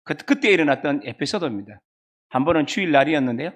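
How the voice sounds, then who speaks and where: A man in his fifties with a Gyeongsang accent, preaching a sermon as a pastor through lively storytelling and questions to the congregation. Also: on the high side, fast talker. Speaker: pastor and seminary professor.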